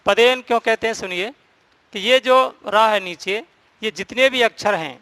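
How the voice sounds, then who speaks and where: Bright, clear-voiced male Hindi teacher. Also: high voice, normal speed, no echo. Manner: explains step by step, repeats and stresses key points. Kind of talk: classroom grammar lesson.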